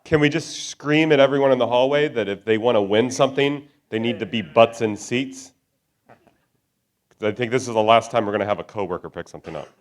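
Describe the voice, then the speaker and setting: A man's voice: mid-range voice, brisk. A man emceeing a conference prize giveaway, joking and urging people into the room. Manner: playful, jokey pirate talk. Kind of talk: live event hosting, joking between prize draws. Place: conference theater.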